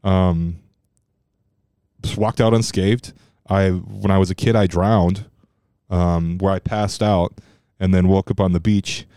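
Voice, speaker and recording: A man hosting a casual solo podcast, rambling and loose with profanity, with a strong loud voice that can turn monotone. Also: sits low, slow, long pauses, smooth, dry recording, clean studio sound. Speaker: podcast host. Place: room at home.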